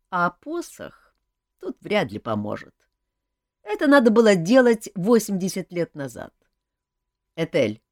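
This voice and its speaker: A woman voicing a weary male king who speaks in a low, tired, measured way in an audiobook. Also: a little mellow, no echo, studio quality, full character voice. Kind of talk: audiobook character voice.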